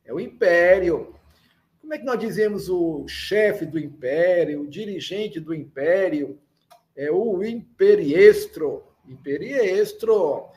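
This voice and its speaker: A man with a Brazilian Portuguese accent teaching a language lesson, explaining slowly and repeating words and spelled-out letters for learners. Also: high-pitched, animated, a little mellow. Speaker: Esperanto teacher. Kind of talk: slow, deliberate classroom explanation.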